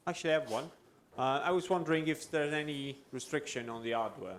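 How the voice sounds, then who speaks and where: A man moderating a conference question session, briskly inviting questions and thanking the speaker. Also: on the high side, slight background noise.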